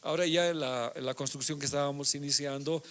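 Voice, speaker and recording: A man's voice: a little high, steady tone, fast talker, fairly bright tone. A middle-aged male pastor giving a conversational sermon, often checking in with his listeners through short tag questions.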